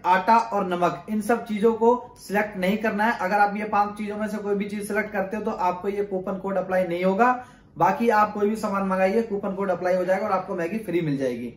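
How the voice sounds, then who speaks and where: A man's voice: high voice, roomy sound. A young man talking to camera in a chatty tutorial, walking viewers step by step through a shopping app. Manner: chatty and explanatory, often says "friends". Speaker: YouTuber explaining a shopping app. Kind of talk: casual tutorial talk to camera. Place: indoors in front of a plain blue backdrop.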